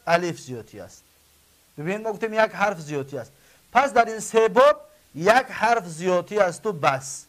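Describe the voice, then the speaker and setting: A man with a Tajik accent gives a grammar lesson in a fairly high voice. He drills each word form slowly and answers the questions he puts to his class. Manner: repeats forms slowly, asks and answers own questions. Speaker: Arabic grammar teacher.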